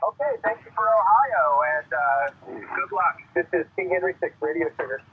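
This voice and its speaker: A man's voice: high-pitched, big pitch swings, normal speed, husky, narrow, tinny audio. A man operating a ham radio contest station, heard through a radio receiver speaker, calling out clipped phonetic call signs. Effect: heard over a ham radio receiver speaker.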